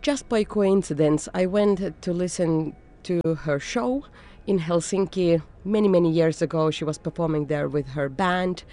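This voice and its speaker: A woman conductor from Finland, answering interview questions thoughtfully and pausing often with fillers. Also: fairly low pitch, mellow. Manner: thoughtful, searching for words with frequent fillers. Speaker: orchestra conductor.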